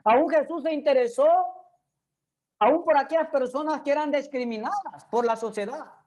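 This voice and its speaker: A woman's voice: high voice, normal speed, mellow. A woman preaching a sermon in Spanish. She speaks earnestly and keeps turning to her listeners with direct questions.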